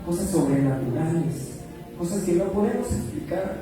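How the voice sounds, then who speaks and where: High-voiced pastor in echoey hall. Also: male voice, moderate pace. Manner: storytelling, animated when acting out quotes. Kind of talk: sermon with personal testimony. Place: church hall. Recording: echoey hall, distant mic, music behind.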